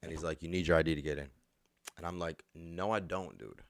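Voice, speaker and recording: A young man with a deep, low voice rambles through a story on a casual podcast. He swears freely and jokes as he goes. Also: fairly even intonation, a little fast, creaky, no room sound. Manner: profane, rambling, jokey storyteller. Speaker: podcast co-host.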